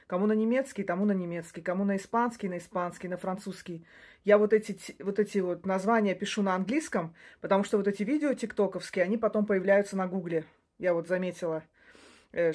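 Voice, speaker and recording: A native Russian-speaking woman in her forties, a social media creator, talks casually to her phone camera held close up in a small indoor room. Her mid-range voice has a darkish tone and she talks fast. Chatty and rambling, she often restarts sentences and laughs briefly between points.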